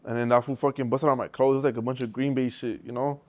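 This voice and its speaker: A young man from Southern California, appearing as an interview guest, tells stories in a rambling, profane way packed with street slang. His mid-range voice holds fairly level pitch, and he talks quickly.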